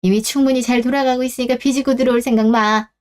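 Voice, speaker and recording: A woman's voice: a little high, steady tone, fast, a little mellow, close to an everyday voice. Radio drama: a fed-up older mother, played by a woman, firm and scolding. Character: stern older mother, fed up with her son. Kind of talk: Korean radio drama acting.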